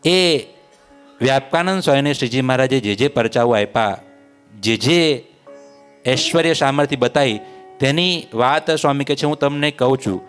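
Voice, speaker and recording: A man recounts a devotional tale in a repetitive, sing-song storytelling manner. His voice sits at an ordinary middle pitch, and a sitar plays softly in the background. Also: normal speed, faint music behind. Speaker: religious storyteller.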